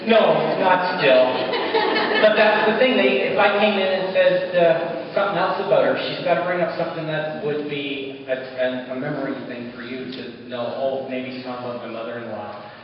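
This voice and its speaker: A man's voice: medium pitch, steady tone, normal speed. A man working as a psychic medium, giving a live reading to an audience in a blunt, joking, mildly crude way. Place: community hall with audience. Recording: distant, echoey, dull and noisy hall recording.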